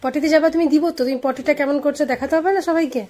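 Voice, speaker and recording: A woman's voice: high voice, steady tone, very fast, mellow. A young woman vlogging casually at home, teasing and bossing someone about chores. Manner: teasing, bossy. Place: home indoors.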